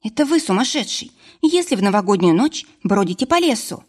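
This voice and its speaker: A woman's voice: mid-range voice, big pitch swings, brisk. A woman voicing an anxious, impulsive young woman lost in a winter forest, pleading and emotional, in an audiobook.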